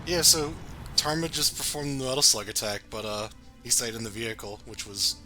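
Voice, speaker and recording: A man's voice: medium pitch, steady tone, fairly quick, pushed and bright, faint music behind. A man giving casual, chatty commentary as co-host while a video game plays. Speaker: let's play co-commentator.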